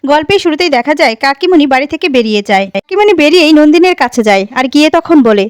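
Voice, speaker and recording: A woman's voice: high-pitched, animated, rapid-fire, no echo. A woman narrating a story recap at speed and reading all the characters' lines in her own voice.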